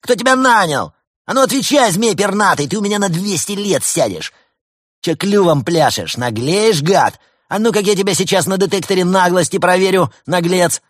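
A man voicing a hot-tempered male animal police lieutenant playing bad cop, shouting threats and insults. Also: high-pitched, lively intonation, moderate pace, no room sound, studio quality, pitched above the performer's own voice. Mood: yelling. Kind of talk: audiobook character voice.

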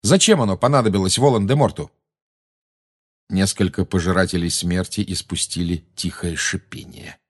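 A man reading a fantasy novel aloud in steady, measured dramatic audiobook narration. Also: low-pitched, husky.

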